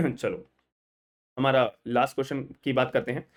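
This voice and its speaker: A man's voice: medium pitch, measured pace. A man teaching an online law exam lecture, emphatic and repetitive, often asking the viewers questions. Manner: emphatic, repeats "thik hai ji", quizzes viewers.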